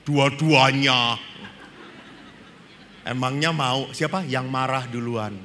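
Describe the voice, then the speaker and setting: A middle-aged priest speaks to a seminar audience with a bright, forceful voice pitched a little high. He tells his stories with lively humor and acts out the voices in them. The sound carries a long reverb from the hall, with faint background noise. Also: unhurried. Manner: animated storytelling, acting out quoted dialogue.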